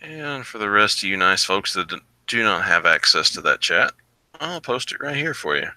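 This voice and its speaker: Dude game mastering, super bright punchy voice, dry sound, casual. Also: male voice, lowish voice, very animated, normal speed, no echo. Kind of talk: running a tabletop game casually.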